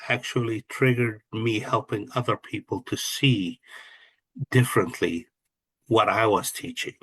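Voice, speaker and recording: A man's voice: on the low side, a little slow, fairly bright tone, slightly rough, no echo. A middle-aged man from Kuwait, a guest in an interview, answering in an earnest, reflective way and often restarting his sentences. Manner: earnest, reflective, lists ideas with repeated restarts. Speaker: guest, real estate investor and coach.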